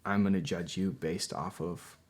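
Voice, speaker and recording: A man's voice: low-pitched, normal speed. A young man in a casual interview, telling stories with many fillers and acting out what people said. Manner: animated storyteller, acts out quotes loudly; filler-heavy, many restarts. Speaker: podcast guest. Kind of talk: casual conversation.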